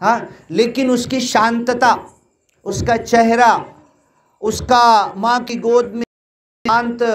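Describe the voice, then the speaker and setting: High-voiced preacher in an echoing hall. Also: male voice. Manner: addresses a seated congregation, repeats phrases for emphasis. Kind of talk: devotional sermon. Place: large hall with an audience. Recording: echoey hall.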